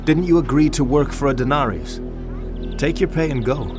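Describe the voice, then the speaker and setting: Man voicing a calm authoritative teacher, measured solemn delivery, mid-pitched voice, dramatized Bible audio over music. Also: lightly acted. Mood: gentle firm. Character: Jesus, calm authoritative grown male teacher.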